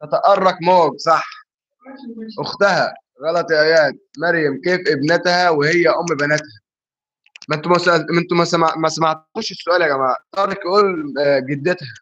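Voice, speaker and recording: A man's voice: fairly high pitch, fast, a bit bright. Teasing Egyptian man on a lo-fi stream. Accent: Egyptian Arabic. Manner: playful, teasing viewers over a riddle. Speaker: livestream host. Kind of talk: casual livestream chat reading viewer comments.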